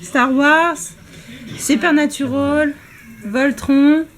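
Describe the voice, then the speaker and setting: A woman's voice: high-pitched, steady tone, very slow. A young woman from France chatting cheerfully as she films her vlog, laughing often. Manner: cheerful, laughs often, narrates while filming. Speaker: vlogger, exhibitor. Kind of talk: casual handheld vlog chat. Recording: noisy background.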